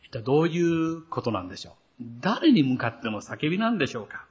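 Earnest man preaching a sermon, lively and animated, muffled lo-fi church recording. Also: fairly high pitch, fast talker. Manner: earnest, expressive preaching with rising emphasis. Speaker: pastor.

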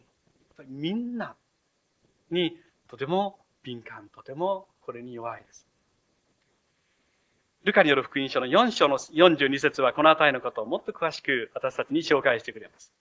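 High, animated male preacher. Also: dull audio. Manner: storytelling, dramatizing scripture with acted voices. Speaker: pastor. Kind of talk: expository sermon.

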